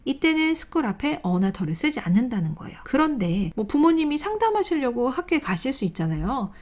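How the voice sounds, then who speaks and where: A woman's voice: high-pitched, sing-song, darkish tone. A woman teaching an English grammar lesson online, explaining step by step and asking and answering her own questions. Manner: reads English example sentences slowly.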